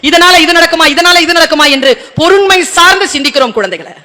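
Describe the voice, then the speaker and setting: High, bright-voiced man giving a rousing speech. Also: very animated, fast. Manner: rhetorical, quizzes the audience directly; acts out short dialogues in between. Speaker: motivational speaker addressing students. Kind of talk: public motivational speech.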